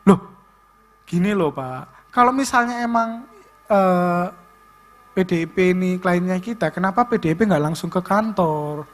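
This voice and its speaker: A young man tells a personal story to a youth congregation. His voice sits fairly high, and he talks in an animated, chatty way, looping back on his points. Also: measured pace, long pauses. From Indonesia. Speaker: youth service speaker. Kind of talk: personal testimony.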